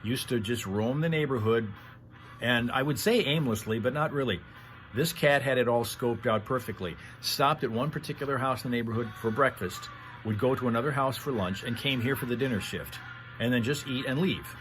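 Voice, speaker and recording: Here a man hosts a livestream, rambling through casual stories for his viewers in a fairly quick, mid-range, slightly bright voice. Faint music plays behind him, and clear background noise runs through the recording.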